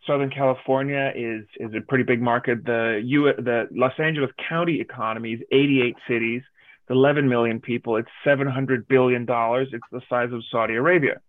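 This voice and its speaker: A man's voice: medium pitch, steady tone, a little fast, no room sound. A man from Denmark, a guest business advisor, answering interview questions in a direct, emphatic way over a video call. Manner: direct, emphatic, lists points. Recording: tinny phone-like line.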